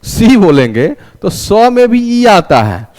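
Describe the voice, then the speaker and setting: A man's voice: high-pitched, very animated, takes it slowly, a little mellow, in a large hall. A male teacher giving a classroom English lesson, asking questions and answering them himself and having students repeat after him. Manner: calls students "raja".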